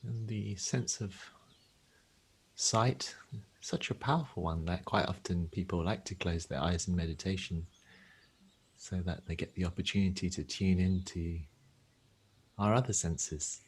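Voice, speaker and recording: A man with a deep, husky voice leads a guided meditation as its teacher. He speaks gently and without hurry, leaving long pauses.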